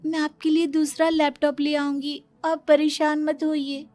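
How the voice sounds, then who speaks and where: A woman's voice: high-pitched, flat delivery, a little slow, darkish tone, dry recording, soft background music. A woman playing a meek, emotional young daughter-in-law in a cartoon moral story. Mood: pleading.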